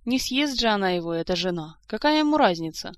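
A woman's voice: mid-range voice, animated, brisk, no echo, lightly acted. A woman reading as a plain-spoken young nobleman, heir to a throne, grumbling about his cousin. The voice is dry and close, with no room around it.

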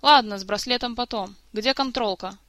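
A woman reading as a gruff, mocking male jester-thief who grumbles at everyone. The tone is bright and sharp, and the recording is close and dry with no room sound. This is a storybook reading. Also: extremely high pitch, normal speed, no echo, heavily acted. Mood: sarcastic.

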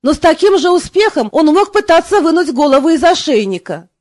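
A woman reads a novel aloud in an even, steady storytelling voice. Her pitch sits very high, and the recording is dry with no room sound. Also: fairly quick, no echo. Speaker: audiobook reader. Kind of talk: scripted narration.

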